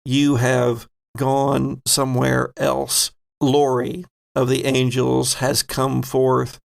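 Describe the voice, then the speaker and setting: A man acts as game master for a tabletop horror game, narrating dramatically in short, deliberate phrases broken by pauses. His voice sits in the mid-range and carries some vocal fry.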